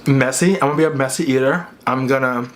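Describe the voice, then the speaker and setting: A man's voice: mid-range voice, fast talker. A man talks casually and candidly as a vlogger, chewing as he speaks, with "like" peppered through his sentences. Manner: chewing and talking with his mouth full. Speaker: vlogger hosting an eating video. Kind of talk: casual chatty mukbang vlog. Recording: clear background noise, dish clinks and clicks.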